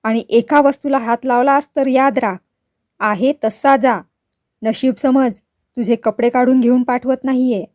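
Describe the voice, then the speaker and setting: A woman reading the lines of a stern, hot-tempered older father in a storybook, gruff and scolding. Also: fairly high pitch, normal speed, no echo, clean studio sound, lightly acted. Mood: furious. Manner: gruff, scolding, shouting in anger.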